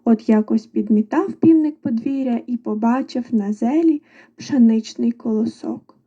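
A woman reading a folk tale aloud to children in a lively, expressive storybook manner. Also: on the high side, a little slow, slightly rough, lo-fi sound.

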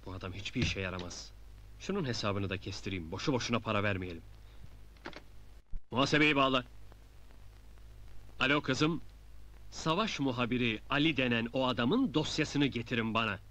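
A man's voice: mid-range voice, moderate pace, pauses often, sharp tone, lightly acted. A man acting a middle-aged, irritated and domineering newspaper editor in a comedy film. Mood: dismissive, curt. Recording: noisy old film soundtrack.

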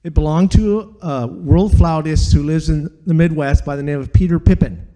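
An older man spins a rambling, chatty story, his voice mellow and set a little high for a man. He tosses in dude and man and talks in a relaxed, easygoing flow. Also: moderate pace. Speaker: flutist. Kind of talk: casual storytelling.

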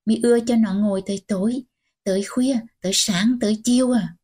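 A woman's voice: medium pitch, fairly even intonation, fairly quick, slightly rough, natural voice. Scolding old grandmother, read by a woman. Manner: scolding, sharp and commanding. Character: stern old-fashioned grandmother, scolding and strict.

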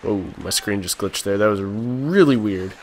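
A tired man casually commentating his own hockey video game, chatty and quick to react. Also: lowish voice, darkish tone.

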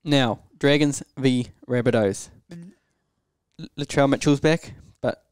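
A man's voice: mid-range voice, slow, clean tone, no echo, clean studio sound. A man with a broad New Zealand accent co-hosting a casual sports chat in a laid-back way on a headset mic. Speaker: podcast co-host. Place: small indoor podcast setup, backdrop and curtains.

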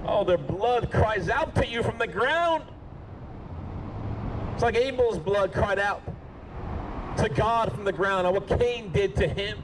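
A man preaches in the open air with a somewhat high, fervent voice that climbs into shouts and sinks into low pleading. Cars and street noise run clearly behind him. It is a raw outdoor recording. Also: a little slow, pauses often. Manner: impassioned, pleading and rebuking, swings from shouting to low urging. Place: outdoors by a street with passing traffic. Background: cars passing.

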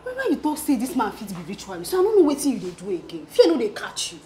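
A woman's voice: high-pitched, wildly swooping pitch, very fast, dark tone, a little hiss or hum. An actress playing a worried young woman coworker who is protective of her friend, speaking Nigerian Pidgin. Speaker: shop coworker. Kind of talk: Nollywood film acting.

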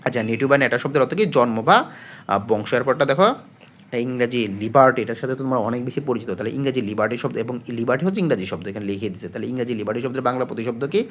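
A man's voice: medium pitch, fast, a bit bright, a little hiss or hum. Patient male exam tutor. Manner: explains patiently, asks and answers own questions; frequent hesitation fillers. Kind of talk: casual spoken lesson.

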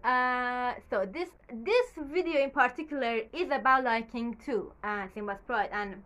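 This young YouTuber, a native Farsi speaker, gives casual movie commentary in a fairly high, slightly bright voice at a measured pace. Sitting in her small bedroom with a camera at desk distance, she rambles with plenty of fillers and comes across as a bit nervous.

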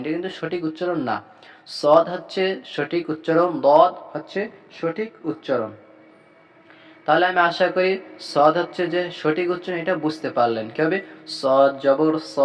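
A man teaching Quran reading, patiently drilling each letter and repeating points slowly. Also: fairly high pitch, highs cut off.

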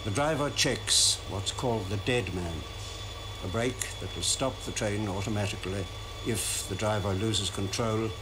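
Man, low voice, documentary narrator, measured, heavy noise on an old film track. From Ireland. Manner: measured, explanatory. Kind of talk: scripted narration. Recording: noisy 1970s film soundtrack.

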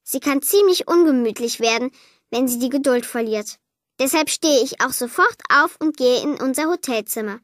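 A woman reading a children's Christmas story aloud, lively and lightly voicing the girl and her parents. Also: high voice, normal speed, dry recording, clean studio sound. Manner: lively, voices the child, mother and father lightly.

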